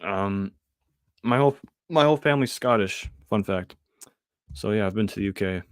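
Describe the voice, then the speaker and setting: Low-voiced young man chatting with viewers. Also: fairly quick, clean tone, dry recording, studio quality. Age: young adult. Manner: answers viewer chat loosely, trails off into mumbled asides. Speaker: podcast host. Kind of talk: casual live-stream chat.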